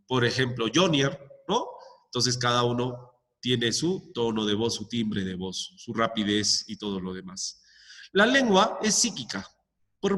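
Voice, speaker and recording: A man's voice: medium pitch, sharp tone. A male teacher explaining a language lesson to students step by step, checking in often with short questions and giving examples. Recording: long echoing reverb.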